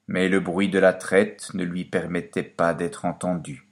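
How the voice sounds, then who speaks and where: A man narrating a fairy tale in a scripted, expressive storytelling manner. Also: low voice, a little slow. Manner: expressive storytelling, lively and dramatic.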